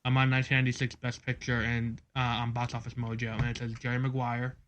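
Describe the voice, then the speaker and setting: A man's voice: mid-range voice, monotone, fast, a bit bright, lo-fi sound, slight background noise. A man co-hosting a casual movie podcast, rambling with many ums and getting exasperated. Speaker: podcast co-host. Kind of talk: casual chat.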